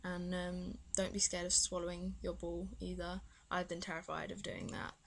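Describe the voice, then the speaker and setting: A woman's voice: lowish voice, little pitch movement, normal speed, vocal fry, fairly bright tone, slight background noise. A young British woman chatting casually in a video diary, rambling and hesitant, her speech slightly impeded by a swollen tongue. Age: young adult. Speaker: vlogger.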